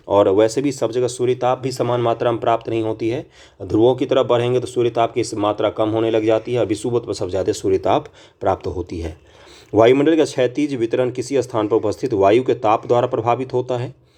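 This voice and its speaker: A man's voice: medium pitch, a little mellow. A male coaching teacher who reads out quiz questions and explains the answers, often asking a question and answering it himself. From India.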